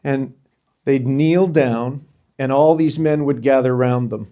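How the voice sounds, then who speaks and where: A man's voice: mid-range voice, a little slow, mellow. A middle-aged man giving an earnest, inspirational talk to a group of men, speaking with a preacher-like, emphatic cadence. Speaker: speaker at a men's gathering.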